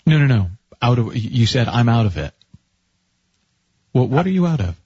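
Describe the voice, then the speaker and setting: A man's voice: mid-range voice, big pitch swings, normal speed, darkish tone, husky, no echo, dull audio. A man hosting a call-in radio advice show, talking in a chatty, coaching way and often restarting his sentences. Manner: chatty, self-interrupting, coaching tone. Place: radio studio.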